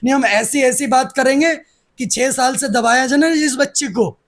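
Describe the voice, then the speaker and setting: Very high-voiced, combative man. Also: normal speed, fairly bright tone. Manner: aggressive, defiant, threatening. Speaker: interviewee, activist. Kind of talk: heated political interview.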